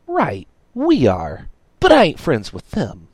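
A man voicing a blunt, tough teenage girl mechanic who talks in a gruff, dismissive way. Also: on the high side, huge pitch swings, slow, a little mellow, no room sound, pitched above the performer's own voice, exaggerated voice. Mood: annoyed.

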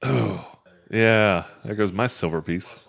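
A man with a low, deep voice plays his turn in a tabletop game. He is easygoing and works through his moves out loud as he talks them over. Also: slow pace, gravelly. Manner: easygoing, thinks aloud. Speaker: player. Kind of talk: casual tabletop play.

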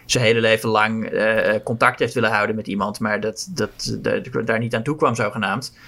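A man's voice: fairly low pitch, steady tone, normal speed, creaky, a bit bright. A man co-hosting a casual chat, earnestly explaining his view at length with frequent restarts. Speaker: podcast co-host.

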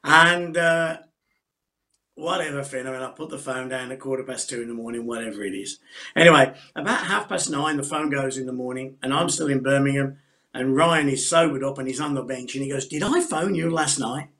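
A man co-hosting a sports podcast, leading the talk and telling lively anecdotes. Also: medium pitch, a little fast. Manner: animated anecdote teller, leads the discussion. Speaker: podcast co-host. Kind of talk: casual sports chat.

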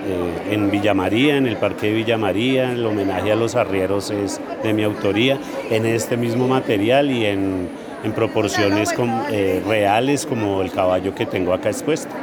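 A man's voice: lowish voice, moderate pace. A man with a Colombian Spanish accent, a sculptor at a craft fair, answering interview questions hesitantly with many fillers. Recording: outdoor fair crowd behind.

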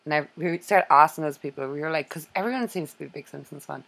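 A young woman chatting casually and laughing a lot as she tells her stories. Her voice sits fairly low for a woman. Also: fast, vocal fry, fairly bright tone. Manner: chatty storyteller, laughs often. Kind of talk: casual chat.

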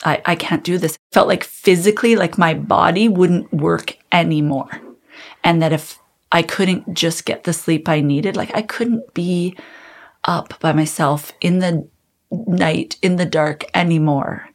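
A woman in her thirties, telling her own story as an interview guest in a candid, reflective, halting way. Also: fairly low pitch.

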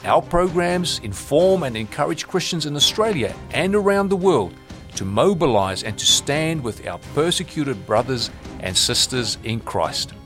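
A male announcer reads the station's introduction in an earnest, emphatic voice. His pitch rises and falls expressively. Soft music plays beneath him. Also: expressive, measured pace. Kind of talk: scripted station promo voice-over.

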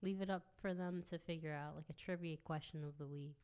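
Low-voiced young woman hosting a podcast. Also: fairly even intonation, fairly quick, darkish tone, clear, resonant tone. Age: 20s. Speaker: podcast host, student. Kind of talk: casual chat.

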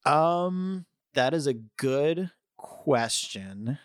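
A man co-hosting a film podcast, talking casually in a thoughtful, halting way. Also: fairly high pitch, expressive, no room sound, studio quality. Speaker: podcast co-host.

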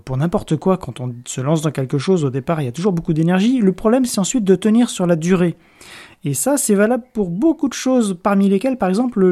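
Male podcast host, soft-spoken and hushed, mellow dark tone, informal and hesitant solo delivery. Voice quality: hushed, low-volume voice. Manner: hesitant, self-correcting, informal. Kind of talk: casual solo podcast talk.

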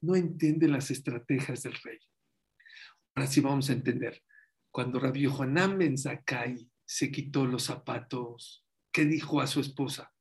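A man giving a sermon as a rabbi, telling lively anecdotes and acting out the voices of people in them. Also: mid-range voice, measured pace. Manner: animated storyteller, acts out voices in quotes.

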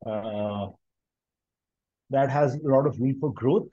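A man's voice: medium pitch, slow pace, dark tone, no echo, dull audio. A man with a Pakistani accent talking analytically in casual conversation, often rephrasing himself mid-sentence.

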